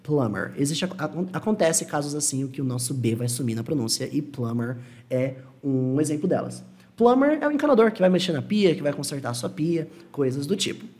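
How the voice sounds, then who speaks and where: A man with a Brazilian Portuguese accent teaching an English lesson, explaining patiently and slowing down to model English phrases. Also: a little high, sing-song, a little mellow. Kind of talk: online language lesson.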